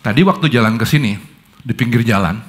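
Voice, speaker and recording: A middle-aged male pastor with a Jakarta accent gives a casual youth sermon, telling stories in slangy language at a fairly quick pace. His voice drops to low murmurs and then jumps into high, excited bursts.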